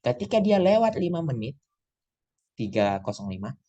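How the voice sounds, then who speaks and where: A man's voice: medium pitch, very animated, moderate pace, dark tone, lo-fi sound. A male tutor gives an online English lesson over a video call. He talks in a chatty way and drops English phrases into his explanations. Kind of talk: online class lecture. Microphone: computer mic on a video call.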